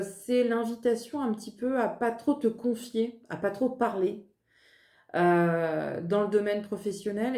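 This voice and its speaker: Sitting at her desk, a medium gives a casual, chatty card reading, joking at her own expense and laughing at herself. Her voice is mid-range and dark, and the recording has a roomy echo.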